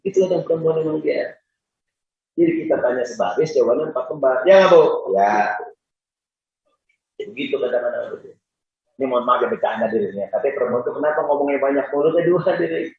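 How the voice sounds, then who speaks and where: A man's voice: medium pitch, fast talker, vocal fry, darkish tone. A male preacher giving a humorous sermon in a mosque and often addressing the congregation. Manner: joking, addresses the audience often. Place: mosque hall in Jakarta. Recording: roomy dull mosque hall.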